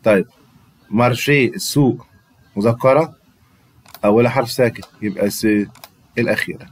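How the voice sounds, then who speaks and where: A slightly rough, fairly low male voice with a darkish tone leads a classroom-style French grammar lesson. He has an Egyptian Arabic accent and patiently repeats words for students to drill.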